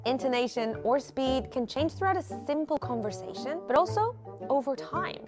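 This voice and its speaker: Bright conversational woman narrator. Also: high voice, very animated, normal speed. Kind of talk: scripted explainer narration. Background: music.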